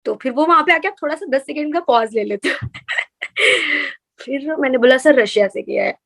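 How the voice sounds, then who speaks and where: A young adult woman, a doctor in training, tells her stories as a guest in a casual interview. Her voice sits a little high, and she narrates animatedly, slipping into the lines of others. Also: normal speed. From India. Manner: lively anecdotal storyteller, acts out others' lines. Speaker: guest, medical resident.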